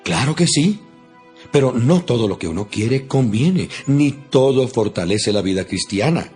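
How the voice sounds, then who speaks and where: An actor playing an earnest, stern apostle in a dramatized audio Bible, with solemn, emphatic, preacherly delivery. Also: male voice, medium pitch, very animated, a little slow, a little mellow, slightly rough. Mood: solemn, admonishing. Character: apostle Paul, earnest, stern male preacher to his flock. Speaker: Bible reader voicing the apostle Paul. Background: music behind the voice.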